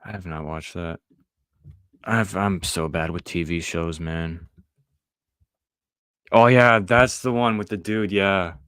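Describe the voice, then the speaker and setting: Low-voiced young man chatting with viewers. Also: slow pace, long pauses, fairly bright tone, smooth, dry recording, studio quality. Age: young adult. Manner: answers viewer chat loosely, trails off into mumbled asides. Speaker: podcast host. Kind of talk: casual live-stream chat.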